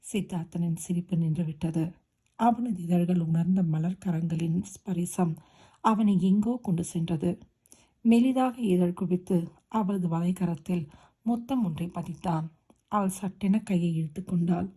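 A woman narrating a romance novel as an audiobook, with steady, expressive storytelling. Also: on the low side, measured pace, breathy edge.

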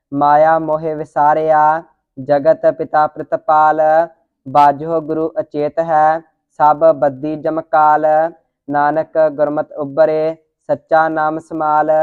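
A student slowly reciting scripture line by line in a steady monotone. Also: mid-range voice, clean tone, dry recording, phone-quality sound. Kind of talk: slow chanted scripture recitation.

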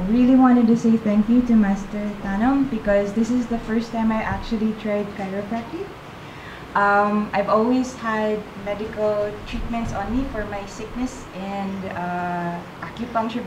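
A woman in her twenties from the Philippines, speaking cheerfully and fluently into a handheld mic. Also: mid-range voice. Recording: echoey, dull room with noise.

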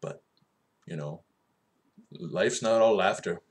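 A man hosting a mock-serious comedy vlog as a fake doctor, solemn one moment and shouting the next. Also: deep voice, takes it slowly. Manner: mock-serious, swings from solemn murmur to loud outbursts. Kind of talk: deadpan comedic monologue.

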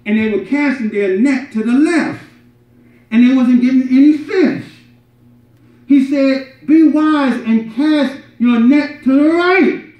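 A middle-aged man preaching a sermon to his congregation, animated, swinging from loud emphatic peaks to soft asides and often asking "right?". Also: extremely high pitch, takes it slowly. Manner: addresses congregation directly with rhetorical "right?". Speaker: imam giving Friday sermon. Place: carpeted mosque prayer hall, indoors, congregation seated on floor. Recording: roomy, distant and slightly dull camera audio.

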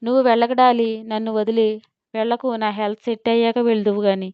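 Scheming, dramatic storybook mother, whiny and pleading, smooth slightly high voice, read by a woman, dull dry recording. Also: little pitch movement, brisk, no echo, natural voice. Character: scheming middle-aged mother, clingy and dramatic.

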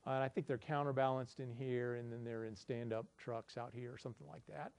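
Middle-aged male presenter, conversational and self-deprecating, ordinary pitch, dry sound. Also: steady tone, fairly quick, gravelly, darkish tone, dry recording. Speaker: conference presenter. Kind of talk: lecture with audience Q&A. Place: indoor conference room, presenting at a projector screen.

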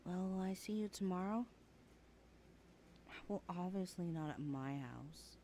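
A woman acts out a conversational ASMR roleplay as a blunt, sassy twenty-one-year-old best friend, using slangy, casual talk and frequent sighs, her mood concerned and teasing. She speaks unhurriedly in a low, dark-toned voice, with slight background noise.

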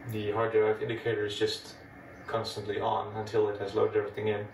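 A retro computing host speaking his accented English as a native Dutchman talks fairly quickly at a fairly low pitch. He's easygoing and chatty, explaining an old computer demo step by step in a room of old machines. A little hiss or hum sits under an echoey, distantly recorded sound.

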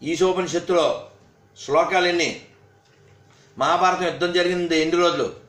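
A man's voice: high-pitched, steady tone, moderate pace, a bit bright. A man giving a scolding religious talk, firing rhetorical questions at his listeners. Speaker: religious speaker. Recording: roomy echo.

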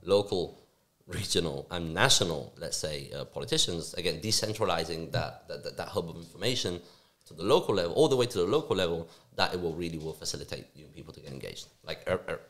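A young man from Spain, a youth forum board member, answering interview questions in a studio, fast and animated with many restarts. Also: sits low. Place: small office studio. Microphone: podcast mic on stand, headphones.

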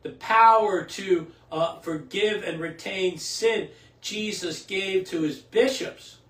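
An older man, a priest, reads scripture in steady liturgical cadence and then preaches a homily at Mass, restarting phrases as he goes. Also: high voice, slow. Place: small indoor home chapel. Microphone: camera a few feet away. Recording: roomy echo, distant from the mic.

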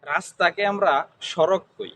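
A man's voice: high voice, fairly even intonation, unhurried, gravelly, a bit bright. A man from Gazipur with a Gazipur Bengali accent, giving short answers in an interview. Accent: Gazipur Bengali dialect. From Gazipur, Bangladesh.

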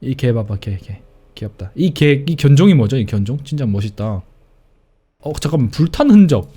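A man's voice: medium pitch, sing-song, normal speed, dark tone, husky. A man streaming a horror game with casual commentary, easily scared, grumbling and swearing as he plays.

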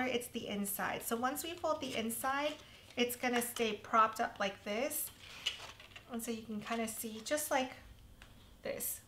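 Bright-voiced woman, chatty crafting host. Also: fairly high pitch, slight background noise. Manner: chatty, self-deprecating, laughs at her own mistakes. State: slightly hoarse, losing her voice. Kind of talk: casual crafting tutorial.

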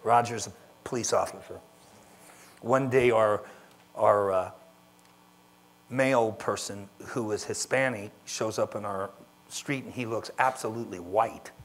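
Animated middle-aged male pastor preaching. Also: on the low side, measured pace, pauses often, slight background noise. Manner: animated storyteller who acts out dialogue. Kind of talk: sermon.

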